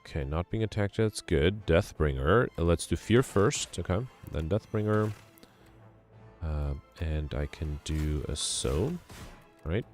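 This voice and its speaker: A man's voice: low-pitched, lively intonation, unhurried, a little mellow, faint music behind. A man chatting casually while playing a co-op game, thinking aloud with frequent hesitations and ums. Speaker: streamer playing co-op. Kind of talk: casual gameplay chat.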